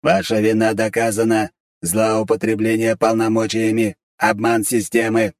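A man voicing a huge, stern robot guardian with a booming metallic voice, announcing in loud, clipped phrases like a machine. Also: expressive, normal speed, creaky, no room sound. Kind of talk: audiobook character reading.

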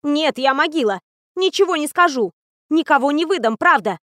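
A woman voicing a young female student friend who teases and reacts quickly. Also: high-pitched, lively intonation, fairly bright tone, dry recording, studio quality, voice pushed up. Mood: teasing.

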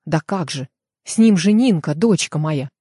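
A woman's voice: fairly low pitch, moderate pace, a little mellow, breathy edge, no room sound, studio quality. A woman voicing an anxious middle-aged village mother in an audiobook, pleading and worried.

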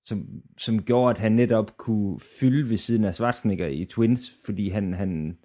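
A man's voice: on the low side, mellow. A man co-hosting a podcast in casual film chat, who searches for words and restarts his sentences often. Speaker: podcast co-host.

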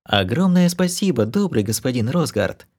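A man's voice: medium pitch, sing-song, a little fast, a little mellow, pitched above the performer's own voice. A man voicing a polite young barmaid in an audiobook, sweet and deferential.

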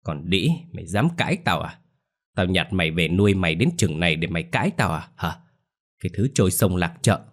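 A starving, possessed old grandmother, as a male narrator puts her on, spits out curses in a snarl and breaks into screams. The voice sits higher and louder than his own deep tone, and it is harsh and wild throughout. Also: brisk, natural voice. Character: ravenous foul-mouthed old grandmother, possessed and ghoulish.

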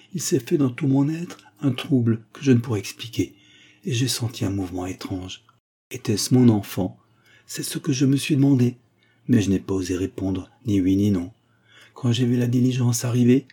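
A man's voice: medium pitch, warm tone, breathy edge, lightly acted. A man reading the lines of a passionate young woman in love, in an ardent, pleading way.

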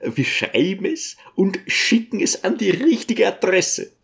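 A man's voice: high voice, big pitch swings, unhurried, gravelly, pitched above the performer's own voice, heavily acted. A man voicing a pushy, scheming male guest who talks brusquely and insistently.

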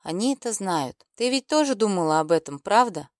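A woman reading the lines of a calm, stern male dark lord in a firm, commanding way, in an audiobook. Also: medium pitch, fairly quick, dry recording, clean studio sound, close to an everyday voice.

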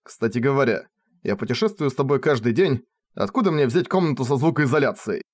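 A man's voice: mid-range voice, lively intonation, fairly quick, a little mellow, lightly acted. A man voicing a tired, sardonic young traveler who answers with exasperated retorts. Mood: weary.

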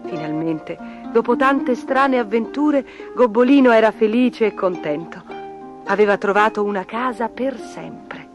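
A woman reading a fairy tale aloud as a storyteller, with a gentle, lively telling. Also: on the high side, a little slow, faint music behind. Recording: noisy background.

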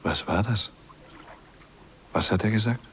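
An actor playing a devoted husband caring for his dying wife, speaking gently and often in a whisper, in a German radio play. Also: fairly low pitch, measured pace, a little hiss or hum, natural voice. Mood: gentle.

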